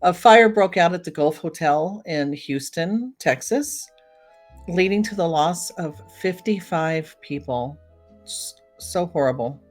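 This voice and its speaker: Speaking slowly and with animation, a woman with a fairly low voice talks straight to her audience on a casual solo podcast. Her topic is old time radio, and soft music plays in the background.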